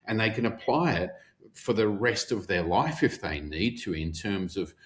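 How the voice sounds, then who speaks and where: A man with a deep, low voice who is interviewing a guest. He talks in a measured way and sums up what she has said before asking her to go on. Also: lively intonation. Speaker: interviewer, business coach. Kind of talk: interview questions.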